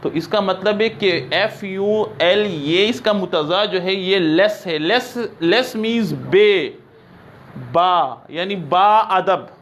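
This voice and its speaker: A man teaching an English grammar lesson, reading example sentences slowly and often checking that his students understand. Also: sits high, a bit bright, a little hiss or hum. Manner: explains in Urdu, reads English examples slowly.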